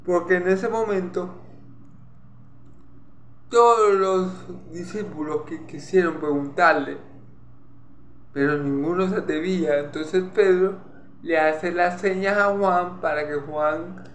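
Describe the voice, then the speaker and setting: A man's voice: sits high, takes it slowly, pauses often. A man from Venezuela with a Maracaibo accent, teaching a Bible passage verse by verse, explaining and repeating phrases and checking in with "ok?". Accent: Maracaibo Venezuelan Spanish. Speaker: preacher. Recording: echoey room with faint ambient noise.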